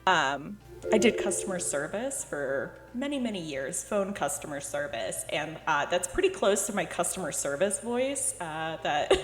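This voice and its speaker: A woman's voice: mid-range voice, husky. A woman streaming a dating sim game, reading its text aloud and joking about it with a giggly, sarcastic manner. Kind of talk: casual let's-play commentary.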